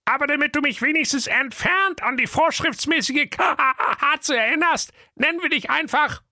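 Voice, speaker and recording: A man doing a high, bossy donkey. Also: normal speed, pushed and bright, no echo, studio quality, full character voice. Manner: bossy, impatient, bureaucratic. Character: bossy male donkey, laid-off railway crossing keeper. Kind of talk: comic audio fairy tale.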